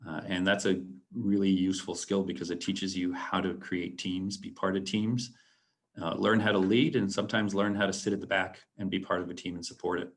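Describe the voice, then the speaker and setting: A man in his late forties giving a reflective talk to students as an alumnus, earnest and halting, with many ums and restarts. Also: low voice, steady tone. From San Antonio, Texas. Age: late 40s. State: a little choked up. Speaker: alumnus guest speaker. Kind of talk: presentation to students.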